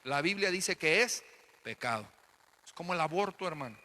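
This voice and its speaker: A man's voice: on the high side, expressive, normal speed, bright, forceful tone, long reverb tail. Emphatic preaching man with Mexican accent. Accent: Mexican Spanish. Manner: preaching with emphatic repetition and rhetorical questions. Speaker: pastor. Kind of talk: sermon. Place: church hall.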